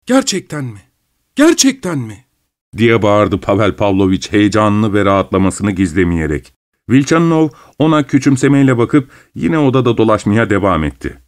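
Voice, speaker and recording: A man reading a novel aloud as audiobook narration, in a measured storytelling manner. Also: on the low side, animated.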